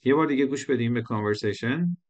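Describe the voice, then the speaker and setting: A male English teacher explaining a lesson patiently, repeating phrases and switching between languages. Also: mid-range voice.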